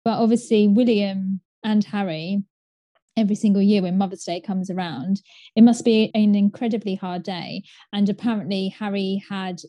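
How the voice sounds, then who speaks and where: Mellow-voiced woman chatting. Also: medium pitch, fairly even intonation, normal speed, no room sound, highs cut off. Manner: chatty, frequent "like" and "um". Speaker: podcast co-host. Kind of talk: casual chat.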